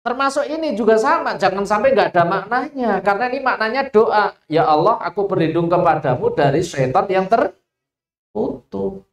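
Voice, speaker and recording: Javanese-accented recitation teacher, measured mid-pitched delivery, reverberant hall-like space. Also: expressive. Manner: asks the listeners questions and answers them, stretches out example verses. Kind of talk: Quran recitation lesson. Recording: echoey room.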